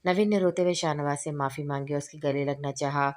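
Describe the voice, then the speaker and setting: A woman's voice: low voice, steady tone, a little fast, a little mellow. A woman reading a romance novel aloud, voicing every character's lines in her own voice. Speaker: novel narrator.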